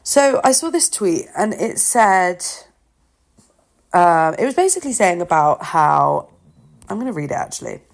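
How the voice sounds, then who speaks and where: A woman with a lowish voice and a lot of vocal fry gives her opinions in an informal solo podcast. She is candid and self-deprecating, often hesitating and rewording as she works out her thoughts. She records at home by simply talking into her phone. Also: sing-song, measured pace. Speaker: podcast host. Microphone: talking into a phone, no studio.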